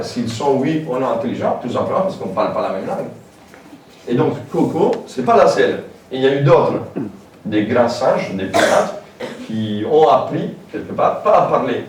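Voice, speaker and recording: A man's voice: mid-range voice, slight background noise. Male lecturer, casual, hesitant asides, distant mic in an echoey hall. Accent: French with a foreign lilt. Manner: informal, hesitant, many fillers and asides. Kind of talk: public lecture.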